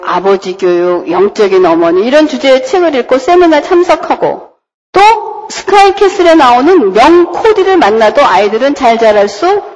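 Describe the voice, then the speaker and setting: A woman's voice: sits high, a little mellow, poor audio. A woman pastor preaching a sermon, often putting questions to the congregation. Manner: asks the congregation rhetorical questions.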